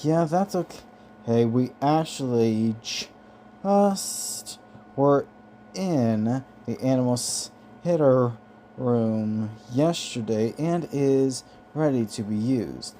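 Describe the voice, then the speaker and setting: A man's voice: mid-range voice, expressive, very slow, dark tone, a little hiss or hum. A man voicing a friendly, easygoing mother in an amateur audiobook reading. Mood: cheery.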